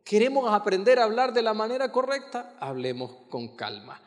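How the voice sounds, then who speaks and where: A male pastor preaching a sermon with emphatic stresses and soft slow asides, calling the congregation to repeat after him. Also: high voice, sing-song, big-room sound. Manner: invites the congregation to repeat lines.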